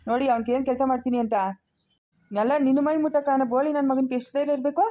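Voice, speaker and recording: A woman's voice: high voice, fairly even intonation, rapid-fire, dark tone, natural voice. A woman playing a fiery village man who threatens to break someone's limbs, in a Chikkaballapur Kannada accent. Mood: angry threatening. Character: hot-tempered village man ready to fight.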